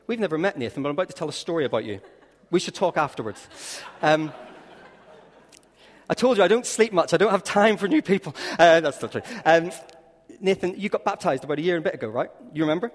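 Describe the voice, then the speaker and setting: Lilting Irish storyteller preaching in an echoey hall. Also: male voice, medium pitch. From Ireland. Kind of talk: sermon with anecdotal storytelling. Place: large church room, preaching to a congregation. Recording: echoey hall with long reverb.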